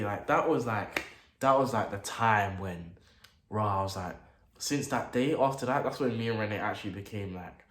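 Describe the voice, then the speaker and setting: A young man, telling a story to camera in a casual, animated way, full of slang and acted-out reactions. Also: fairly low pitch. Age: late teens. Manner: animated, slang-heavy, acts out his own reactions. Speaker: vlogger. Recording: echoey room with faint noise.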